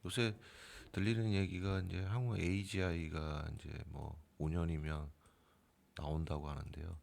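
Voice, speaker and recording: A man's voice: low voice, little pitch movement, moderate pace, creaky, darkish tone. A man hosting his own channel, explaining to viewers in a casual, hesitant way with many fillers. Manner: informal, hesitant with fillers, acts out arguing with the AI. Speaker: crypto trading bot channel host.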